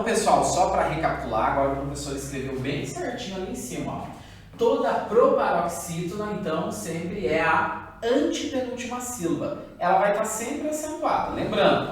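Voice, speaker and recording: A man's voice: sits high, fairly bright tone. A man with a Brazilian accent, a primary school teacher giving a recorded lesson for children, patiently repeating and checking that they follow. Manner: patient, repetitive explaining with frequent check-ins. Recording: very echoey room, voice far from the mic.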